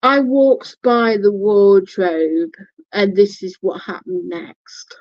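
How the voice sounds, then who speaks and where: Blunt, swearing woman telling a story; slow pace, dull lo-fi sound. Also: medium pitch, animated, darkish tone, no room sound. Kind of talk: casual storytelling. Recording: dull lo-fi recording.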